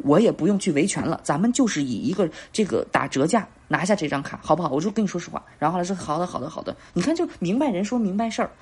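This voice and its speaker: A woman's voice: on the low side, husky. A woman in her thirties co-hosting a podcast, telling stories in casual chat and acting out the dialogue with lots of laughter. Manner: animated, acts out dialogue, laughs often. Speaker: podcast co-host.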